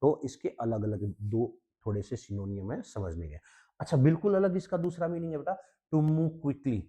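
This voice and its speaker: A man's voice: mid-range voice, moderate pace, dark tone. A man with an Indian English accent teaching an exam-prep vocabulary lesson, mixing Hindi and English and checking in with his students again and again. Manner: repeats "ठीक है ना" often, mixes Hindi and English, mnemonic tricks.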